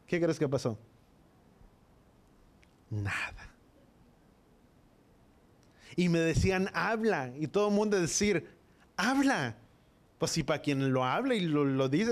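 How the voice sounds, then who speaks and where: A man preaches to a church congregation, telling his own story of faith. His voice sits a little high for a man, and he acts out the dialogue of his memories with earnest feeling. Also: darkish tone. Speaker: preacher giving a testimony. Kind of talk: sermon testimony.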